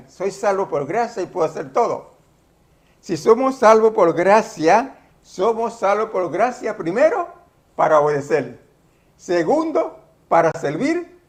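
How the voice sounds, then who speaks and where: Guy teaching bible study, kinda high voice, talks real slow, explains each word carefully. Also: darkish tone. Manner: deliberate, explains terms step by step.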